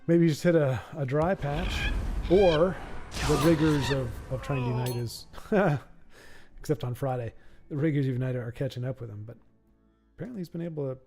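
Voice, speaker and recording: A man hosts and commentates on a card game livestream, chatting casually and rambling, often stammering and repeating words. His mid-range voice is mellow and brisk, with faint music playing behind him.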